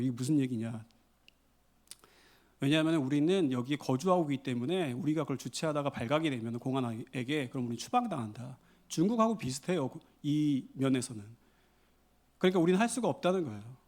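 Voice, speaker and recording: A man missionary preaching a Sunday sermon in a church, telling stories and building to emphatic exhortations. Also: a little high. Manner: storytelling, with rising emphatic exhortations. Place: church sanctuary.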